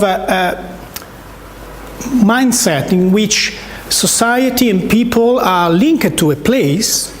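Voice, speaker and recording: A high-voiced Italian man with an Italian accent gives a research talk in a seminar room, sounding hesitant with frequent fillers, restarts and repeated words. The lecture room is echoey, and there's slight background noise.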